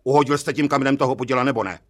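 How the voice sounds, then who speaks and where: A hot-tempered district judge barks and scolds, his voice raised and pushed higher than the reader's own, as a man puts him on. It is a storybook reading. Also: a bit bright, lightly acted. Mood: scolding. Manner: barking, scolding. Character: irritable shouting male district judge.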